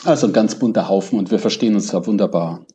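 A man answering casually as a guest, reflective and pausing now and then to search for words. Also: lowish voice, warm tone. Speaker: podcast guest, crime novelist. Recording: dull, lo-fi connection.

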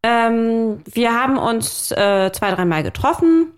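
A woman's voice: fairly high pitch, sing-song, slow, clean tone. A woman in her thirties, co-hosting a casual chat and animatedly telling dating stories, laughing often and mixing in English phrases.

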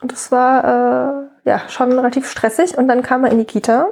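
Thirties woman, interview guest, high-ish voice, open and rambling, lots of restarts and tag questions. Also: fairly even intonation, normal speed, vocal fry, a little mellow. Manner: candid, frequent "ne?" tags, many restarts. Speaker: guest, mother of a colicky baby. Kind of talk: casual interview conversation.

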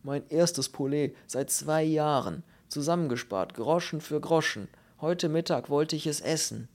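A man's voice: medium pitch, moderate pace, darkish tone, voice pushed up, lightly acted. Man doing a whining bald little man. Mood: aggrieved. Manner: whining, indignant, raised voice. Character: bald, small, complaining man, easily enraged.

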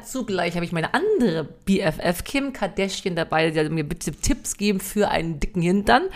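A woman co-hosts a comedy podcast, giggling and tripping over her words as she mocks herself. Her voice sits at a middle pitch. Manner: giggly, stumbling over words, self-mocking. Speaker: podcast co-host. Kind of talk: comedic memory game banter.

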